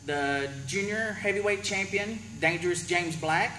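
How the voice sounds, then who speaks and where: Casting: male host for wrestling promo segments, notably high voice, announcing and interviewing in an echoey room. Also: unhurried, sharp tone. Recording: echoey room with faint background noise.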